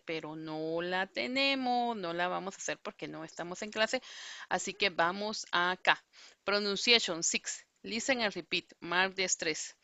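Slow-paced, bright-voiced woman teacher. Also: medium pitch, no echo. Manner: explains in Spanish, models English words slowly and repeats them. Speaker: English teacher. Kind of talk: online class walkthrough.

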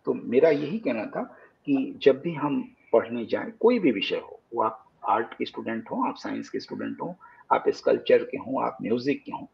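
A man speaking as an interview guest, explaining philosophy in a lecturing way, reciting Sanskrit verses slowly and mixing in English. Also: mid-range voice, expressive, creaky, lo-fi sound, a little hiss or hum. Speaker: guest scholar of Indian philosophy.

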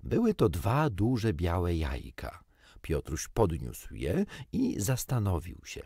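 Man, storybook narration, wry and expressive, low voice, dry close-mic sound. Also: breathy edge, no echo. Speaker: audiobook reader.

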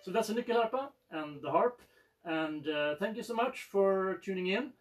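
A man's voice: high voice, expressive, moderate pace. Swedish man in his forties, joking. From Sweden. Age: 40s. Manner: dry joking. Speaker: musician and concert host. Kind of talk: casual stage chat. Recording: from a distance.

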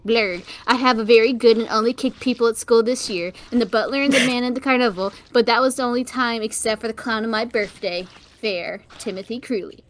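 A rowdy, rich spoiled boy boasting through his wish list, as a woman reads him. The voice is high and loud. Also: fairly quick, natural voice. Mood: boastful.

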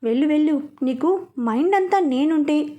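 A woman's voice: high-pitched, animated, normal speed, mellow. A woman voicing a teasing young wife. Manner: teasing, coy.

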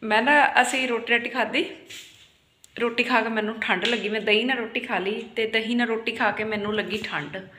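Bright-voiced chatty Punjabi woman vlogger. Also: on the high side, steady tone, brisk, echoey room, a little hiss or hum. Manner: chatty, teasing, laughs often. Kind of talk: casual home vlog chat.

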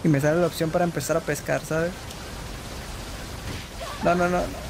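A gamer talks through play in casual commentary, quick to swear and to blurt out startled exclamations. The voice sits at a middle pitch. Steady noise runs under the recording. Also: gravelly. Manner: excitable, swears often, blurts short English exclamations. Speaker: gameplay commentator.

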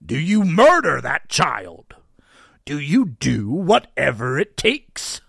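A man's voice: mid-range voice, expressive, no room sound, clean studio sound. Man as a twisted Santa spirit guide. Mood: pressing. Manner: slow, pressing questions.

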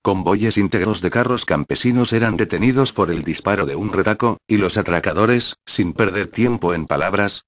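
A man narrating a first-person memoir as an audiobook, reading in a measured, steady way. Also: deep voice, no echo.

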